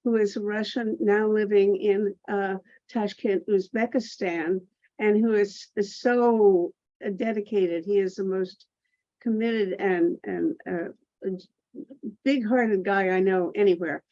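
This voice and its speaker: A woman hosts a video call town hall, keen and halting as she introduces each guest. Her voice is dark and mellow, and the call audio is dull and dry. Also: medium pitch, steady tone. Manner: enthusiastic, halting introductions with restarts. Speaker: host of an online town hall. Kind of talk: hosting a video call meeting.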